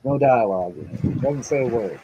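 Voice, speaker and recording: A man's voice: medium pitch, animated, fairly quick, lo-fi sound, background noise. A man hosting a casual livestream, chatting and rambling as he reacts to video clips he plays. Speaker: show host.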